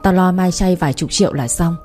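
A woman voicing a drunken, abusive older village man who shouts and curses. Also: lowish voice, a little fast, soft background music, lightly acted. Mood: raging. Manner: shouting, cursing.

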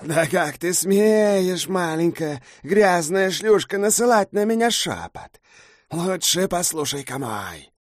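A man's voice: medium pitch, lively intonation, slow pace, no room sound, studio quality. A man voicing a ravenous female harpy in an audiobook, who shrieks and then hisses in a whisper. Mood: furious. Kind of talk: audiobook character voice.

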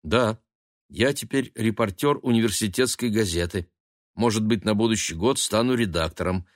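A man's voice: on the low side, moderate pace, no echo, studio quality, natural voice. A man as an eager young student. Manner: earnest, eager.

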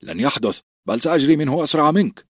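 Audiobook: man voicing a brash, loud young recruit, pitched up. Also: sing-song, brisk, husky, no room sound, studio quality. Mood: indignant. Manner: loud, indignant, blustering. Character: thick-necked young male recruit, blustering and touchy.

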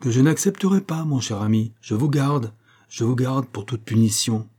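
A man reading the part of a dignified, fatherly male government minister in an audiobook, speaking gravely. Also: medium pitch, lively intonation, moderate pace, a little mellow. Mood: indignant.

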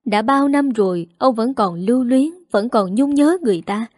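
A woman's voice: a little high, expressive, normal speed, a little mellow, no room sound, studio quality. A woman voicing a jealous wife in her fifties who complains plaintively, read in a storybook.

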